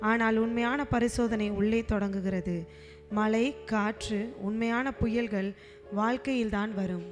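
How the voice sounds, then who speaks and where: A woman narrating a church skit in a measured, solemn way. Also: fairly high pitch, steady tone. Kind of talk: scripted narration. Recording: clear background music.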